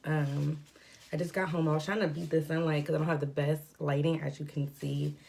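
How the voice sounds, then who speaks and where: A young adult woman with a deep voice and vocal fry talks fairly quickly while eating a mukbang meal at home. As a mukbang vlogger she rambles in a relaxed way, using lots of fillers and breathing heavily from a cold. There's a little hiss or hum on the recording.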